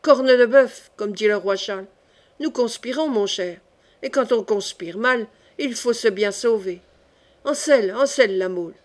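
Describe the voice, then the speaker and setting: A woman's voice: mid-range voice, normal speed, close to an everyday voice. A woman voicing Coconas, a brash male swordsman who blusters and swears old oaths, in an audiobook reading. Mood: urgent.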